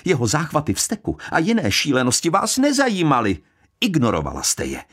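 Pitching his voice above his natural range, a man gives a heavily acted, fairly high and breathy-edged performance with huge pitch swings. His character, a bitter young woman and cold daughter, sounds scornful, sharp, piercing and contemptuous.

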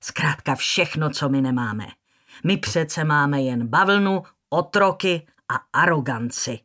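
A woman's voice: low voice, a bit bright. A woman reading an audiobook, voicing a self-assured, cynical man who talks in a dry, teasing way. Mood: mocking. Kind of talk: audiobook character voice.

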